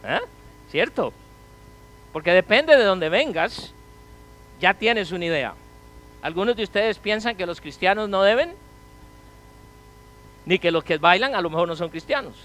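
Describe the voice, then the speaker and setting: A man preaching a sermon as pastor, asking the congregation rhetorical questions and swinging from loud to quiet. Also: sits high, expressive, measured pace, long pauses, rough recording.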